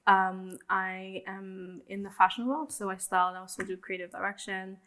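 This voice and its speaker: Woman, stylist, bright voice, reflective, many fillers. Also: mid-range voice, flat delivery, normal speed. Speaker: stylist guest. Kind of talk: casual round-table chat.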